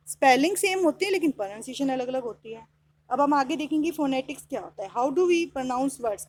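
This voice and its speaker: A woman teaching an English lesson, explaining in Hindi and reading English sentences slowly, spelling out words letter by letter. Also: sits high, darkish tone, slight background noise.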